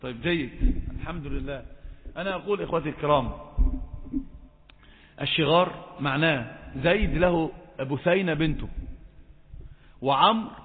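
A man's voice: fairly high pitch, moderate pace, long pauses. A man teaching Islamic law to a class. He keeps quizzing the students and scolds them when they don't raise their hands. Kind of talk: classroom religious lecture. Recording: thin phone-like sound in a reverberant hall.

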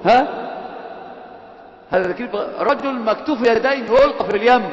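A man's voice: very high-pitched, a little fast. A man giving an Islamic lesson, moving between classical Arabic and colloquial speech as he quizzes and teases dozing students. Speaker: religious teacher. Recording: echoey lecture hall, dull lo-fi.

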